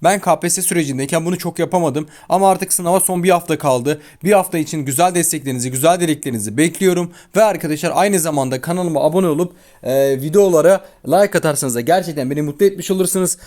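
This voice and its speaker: A man's voice: fairly high pitch, fast, hardly any pauses, darkish tone. A young man hosting his gaming channel, talking casually over his gameplay, often exasperated and complaining in slangy chatter, recorded at home. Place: home room near an open window. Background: a child heard outside.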